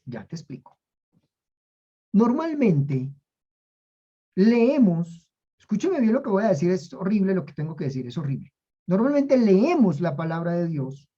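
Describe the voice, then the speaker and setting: Woman, Bible teacher, emphatic, repeats herself, mellow tone, muffled lo-fi recording. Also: on the low side. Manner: emphatic, repeats key phrases, urges listeners to say lines aloud.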